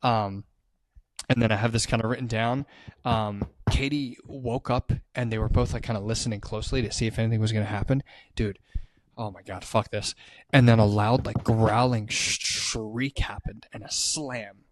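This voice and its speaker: A man's voice: on the low side, steady tone, moderate pace, slight background noise. A man co-hosting a casual podcast, animatedly retelling a horror movie scene by scene, swearing often and acting out the characters' lines. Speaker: podcast co-host recapping a movie. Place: his house.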